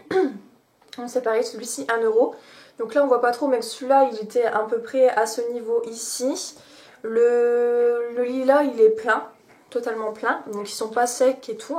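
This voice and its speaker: A woman's voice: a little high, darkish tone. Chatty woman vlogging from her bed. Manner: chatty, many fillers and restarts. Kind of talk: casual haul vlog. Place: bedroom, sitting on her bed.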